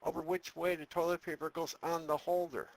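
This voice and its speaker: A man's voice: fairly high pitch, fairly even intonation, fairly quick, gravelly, no room sound. A man playing a cautious, deferential advisor to an evil space emperor, formal and wary, in a comedic audio drama. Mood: dutiful.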